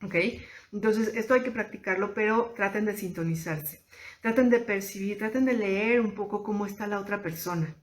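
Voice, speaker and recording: A woman's voice: mid-range voice, moderate pace. Woman teaching in a chatty way. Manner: conversational, addresses listeners directly with questions. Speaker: thanatologist and therapist. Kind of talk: informal teaching talk to camera.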